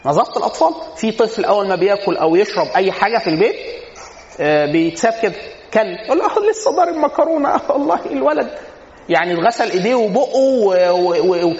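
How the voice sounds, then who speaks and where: Quick, high-voiced Egyptian man lecturing in an echoey hall. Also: slight background noise. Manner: humorous, answers his own rhetorical questions. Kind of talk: casual religious lecture on family life. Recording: echoey hall, dull lo-fi sound.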